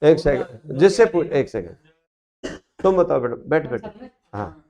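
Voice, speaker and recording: A man's voice: fairly high pitch, big pitch swings, unhurried, a crowd in the background. A man teaching a class, prompting students with questions in a classroom. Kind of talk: classroom grammar lesson.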